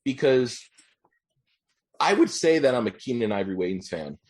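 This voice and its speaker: A man in his forties, a podcast guest, talking casually with many ums and pauses. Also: mid-range voice, big pitch swings, darkish tone, slightly rough. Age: 40s. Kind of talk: casual chat.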